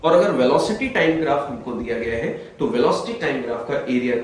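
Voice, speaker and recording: A man's voice: mid-range voice, animated, brisk. Echoey distant male physics teacher. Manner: addresses students as children, asks and answers his own questions. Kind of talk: classroom lecture. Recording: very echoey room, far from the mic, faint noise.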